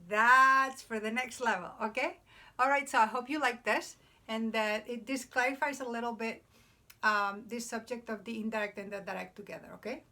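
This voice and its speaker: A woman's voice: on the high side, steady tone, moderate pace, sharp tone. A woman teaching a grammar lesson at a board, explaining patiently and checking in with "okay?" after each point. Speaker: Spanish teacher. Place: indoors beside a whiteboard.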